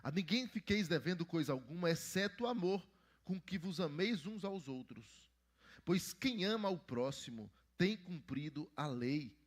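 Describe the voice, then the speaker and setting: Unhurried and lively in his intonation, this pastor has a voice that sits a little high. Leading a Bible lesson for the children in church, he puts questions to them and draws out their answers.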